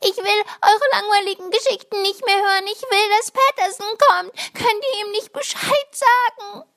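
A woman reading a storybook aloud, voicing a scared, tearful little male kitten with a high, squeaky, whiny voice. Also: normal speed, gravelly, fairly bright tone, heavily acted. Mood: fed up. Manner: whiny, sobbing pleas.

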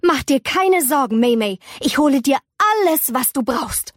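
An anxious mother fusses in a raised, lively voice, firing off worried questions, as a woman puts her on. The recording is dry and close. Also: sits high, a little slow, no room sound, pitched above the performer's own voice. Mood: reassuring. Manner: anxious, fussing.

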